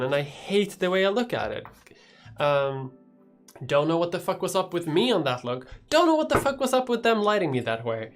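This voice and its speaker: A Swedish woman in her thirties with a deep voice hosts a YouTube livestream, reading chat questions in a rambling way. She swears casually, restarts often, and laughs a lot.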